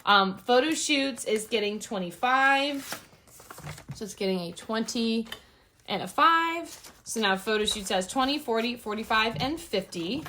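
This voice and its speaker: A woman's voice: mid-range voice, bright, forceful tone, slight background noise. A woman chatting casually to viewers while counting cash into budget envelopes, upbeat and talkative. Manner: bubbly, upbeat, addresses viewers as y'all. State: has the hiccups. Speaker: budgeting vlogger.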